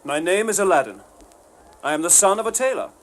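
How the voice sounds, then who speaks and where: An actor playing an earnest, bold young lad of humble birth, declaiming in an audio storybook. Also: male voice, sits high, animated, brisk. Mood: bold, ardent. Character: earnest, bold young man, poor tailor's son.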